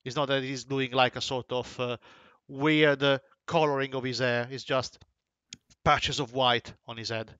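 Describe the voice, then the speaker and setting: A man with a bright, smooth voice narrates as game master of a tabletop game. He speaks slowly and hesitantly, with many fillers and restarts. The sound is dry, dull and lo-fi. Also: medium pitch, steady tone, no room sound.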